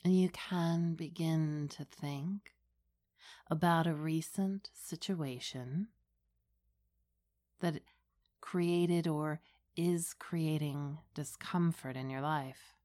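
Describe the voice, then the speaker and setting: A woman leading a guided meditation as a meditation guide, speaking in a soothing, gentle, unhurried manner. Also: deep voice, fairly even intonation.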